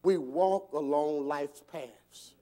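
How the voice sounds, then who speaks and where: A pastor preaching an animated sermon in a church, asking the congregation call-and-response questions and building to shouts. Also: male voice, on the high side, slow pace. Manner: repeats words, rising to shouts. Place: church sanctuary.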